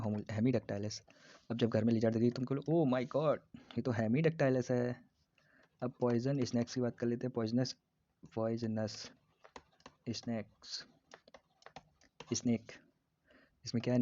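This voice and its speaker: A man teaching biology for an exam, repeating terms slowly and joking with his students. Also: mid-range voice, level tone, dark tone. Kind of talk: casual exam-prep lesson. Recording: dull lo-fi recording.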